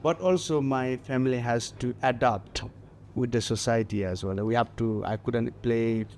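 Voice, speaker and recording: A man in his forties from Nepal, speaking with a Nepali accent, talking haltingly with many fillers as a guest on a festival stage interview. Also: mid-range voice, fairly even intonation, a little mellow, slight background noise. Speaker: guest mountaineer.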